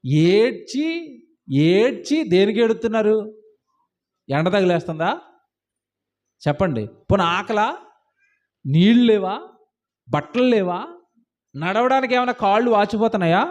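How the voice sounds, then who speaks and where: A man's voice: high voice, moderate pace, long pauses. A man preaching a sermon in church, firing rhetorical questions at the congregation and repeating phrases for emphasis. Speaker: pastor.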